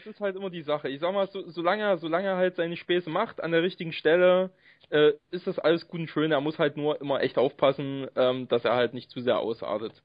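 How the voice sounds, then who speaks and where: Man, podcast host, slightly high voice, measured and hedging, dull lo-fi sound. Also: fairly even intonation, no room sound. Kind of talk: casual podcast chat.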